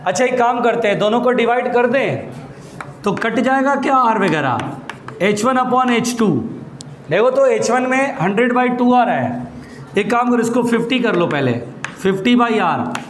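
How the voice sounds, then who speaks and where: A man teaching a physics problem to a class, explaining step by step, calling his students "beta" and hushing them when they get noisy. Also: very high-pitched. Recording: echoey classroom with murmuring students.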